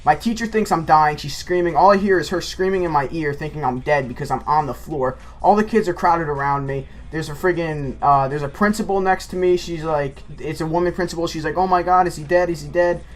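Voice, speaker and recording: Rambling, animated male gameplay commentator with a slightly high voice, telling a casual story.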